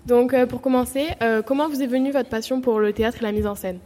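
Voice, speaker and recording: A woman's voice: on the high side, steady tone, fast, mellow, a little hiss or hum. A woman from a press club putting interview questions, hesitating with many fillers.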